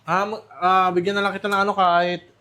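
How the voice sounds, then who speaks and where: Loud, exasperated high-voiced man. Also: flat delivery, brisk, noisy background. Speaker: comedian host. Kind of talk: comedy skit.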